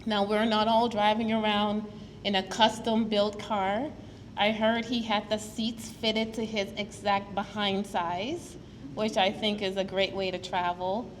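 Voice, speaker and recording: A woman's voice: mid-range voice, flat delivery, unhurried. A woman from Guyana gives an earnest, storytelling public talk to an audience as a preservation advocate at a museum. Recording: long hall reverb, faint noise.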